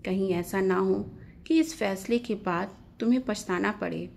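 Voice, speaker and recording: A woman's voice: medium pitch, unhurried, vocal fry, a little hiss or hum. Middle-aged mother, read by a woman; soothing, firm, protective.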